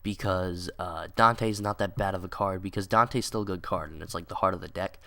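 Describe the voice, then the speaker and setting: A stuffy-nosed young man who creates card game videos talks fairly quickly in a low, bright, forceful voice with fairly even intonation. His casual commentary rambles, with many instances of "like" and "um."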